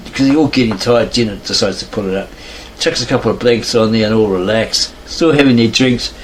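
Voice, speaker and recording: Casual male storyteller, low-pitched, self-correcting, faint air-conditioner hum. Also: rough recording. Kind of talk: reading a fan story aloud.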